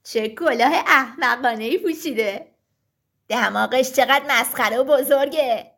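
A woman's voice: high voice, a bit bright, voice pushed down. Storybook mountain voices, mocking and jeering; woman narrator voices them. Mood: taunting. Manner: taunting, jeering.

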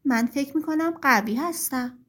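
A woman's voice: high voice, fairly bright tone. A woman voicing a smug sheet of ice.

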